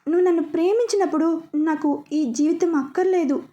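A woman's voice: very high voice, brisk, dark tone. Woman voicing Nisha, tearful young woman. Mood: pleading. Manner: pleading.

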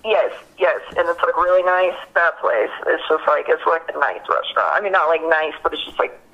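A witness speaks to an investigator by telephone in a fairly quick, low-sitting voice with lively intonation. She recounts events casually and haltingly, packing in filler words, especially "like," and the call recording sounds dull and lo-fi.

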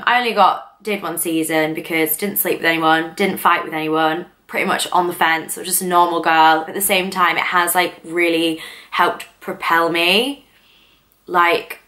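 Chatty young woman, bright lowish voice. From northern England. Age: 20s. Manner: chatty, meandering, full of "like" fillers. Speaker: vlogger. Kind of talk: casual rambling chat to camera.

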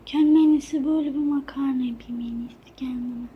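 Soft-spoken woman whispering game asides. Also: high-pitched, steady tone, brisk, highs cut off, a little hiss or hum. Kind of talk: narrating a game role-play.

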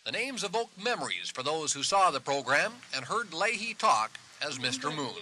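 Male TV reporter voice-over, wry and measured, bright, fairly high, animated delivery. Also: low-quality recording. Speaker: field reporter. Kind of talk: scripted narration.

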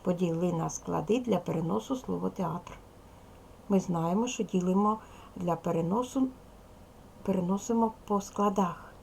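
A woman teacher giving a recorded video lesson to young schoolchildren, speaking clearly and patiently. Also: fairly low pitch, a little mellow, slight background noise. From Ukraine. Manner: slow, clear instructional delivery, addressing children.

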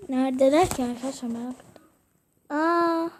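A woman's voice: high voice, moderate pace, noisy background. A young woman casually commenting as she plays a game, chatting playfully to her viewers and the characters. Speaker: gaming video creator.

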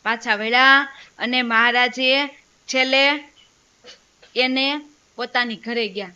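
A woman's voice: on the high side, steady tone, slow pace, sharp tone, clear, resonant tone. A woman telling a devotional story, acting out the voices of its characters as she goes. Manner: storytelling with quoted dialogue. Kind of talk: religious story narration.

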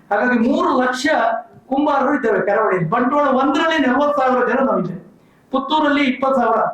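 A man with a very high speaking voice makes an earnest, persuasive appeal, reeling off names and numbers. He sounds far from the mic in a very echoey room, and the recording is dull and muffled. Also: fairly bright tone. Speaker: community organizer speaking at a press meet. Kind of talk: formal public appeal.

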